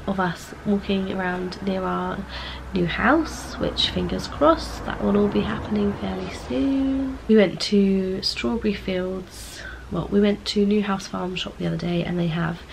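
A young woman chatting casually in a vlog, her voice croaky and bunged up from a cold. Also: medium pitch, a little slow, slight background noise, poor audio. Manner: chatty, softly sing-song baby talk. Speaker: vlogger. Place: outdoors, walking along a road. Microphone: handheld camera.

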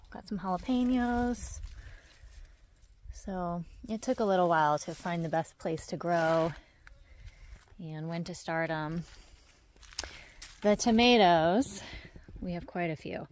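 Walking outdoors through her fenced garden with a handheld camera, an Idaho homesteader in her thirties chats casually as she gives a tour. Her voice is medium-pitched, her manner relaxed and talkative, drifting off between points over slight background noise.

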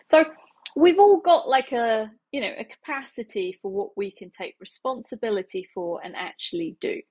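A woman's voice: fairly high pitch, normal speed, a little mellow, husky. A woman in her thirties, a healing practitioner, talking casually to camera from her living room, chatty and laughing often. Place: small home living room, indoors.

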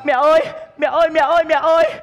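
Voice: high-pitched, flat delivery, fast talker, muffled recording, faint music behind. Actor playing a whiny spoiled daughter. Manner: whining, pleading, teasing. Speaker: comic stage actor. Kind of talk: stage comedy sketch.

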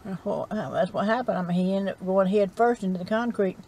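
A woman's voice: mid-range voice, fairly quick, a little mellow. Southern lady rambling on while she eats in her car at night, dash cam, bit of outdoor hum. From South Carolina. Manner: rambling, folksy, chats while eating. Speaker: vlogger. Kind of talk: casual chat. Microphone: camera on dashboard.

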